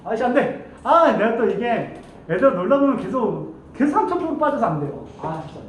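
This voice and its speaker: Male teacher, high voice, playful storyteller who acts out voices; distant mic in a reverberant classroom with faint background noise. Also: sing-song, a little fast. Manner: playful, acts out quoted voices, laughs often.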